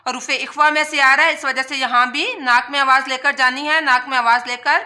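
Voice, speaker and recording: A woman teaching Quran recitation word by word, spelling out letters and then chanting each word slowly and drawn out, with quick explanations in between. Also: high-pitched, fairly even intonation, bright, forceful tone. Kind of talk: tajweed lesson, word by word.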